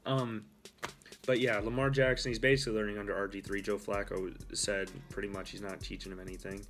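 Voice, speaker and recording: A man's voice: on the low side, flat delivery, a little fast, fairly bright tone, faint music behind. A young man hosting a casual solo sports talk show, rambling and correcting himself as he goes. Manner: rambling, with fillers and self-corrections. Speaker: host.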